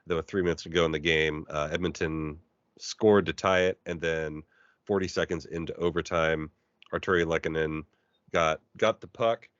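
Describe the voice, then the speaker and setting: A man with a deep, low-pitched voice chats casually on a podcast, retelling events with animated energy and little acted-out quotes. The recording is dry and slightly dull. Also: moderate pace, smooth, no room sound. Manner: animated storyteller who acts out quoted voices. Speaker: podcast co-host. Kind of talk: casual chat. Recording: dry, slightly muffled sound.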